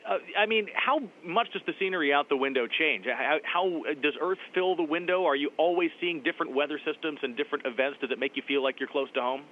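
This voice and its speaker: Male interviewer, quick pace, chatty, inquisitive, thin phone-like line. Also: a little high. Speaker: TV station interviewer. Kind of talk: conversational interview questioning. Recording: tinny phone-like line, faint noise.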